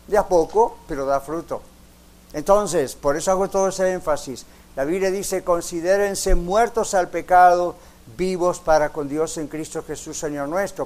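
A man preaching with a notably high voice. He presses his points with emphatic rhetorical questions and briefly mimics doubters before driving home the lesson. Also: darkish tone. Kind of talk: radio sermon.

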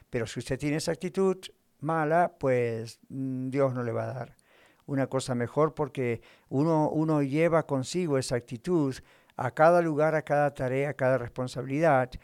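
A man's voice: fairly high pitch, clear, resonant tone, dry recording, studio quality. A man, a pastor, preaching a sermon and answering his own rhetorical questions.

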